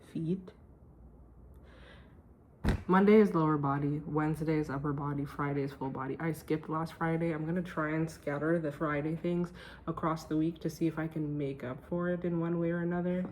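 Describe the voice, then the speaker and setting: A woman's voice: sits low, a little mellow, a little hiss or hum. A woman vlogging to camera at home at night, talking casually about her day and her well-being research in an emphatic, self-joking way. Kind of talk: casual chatty vlog.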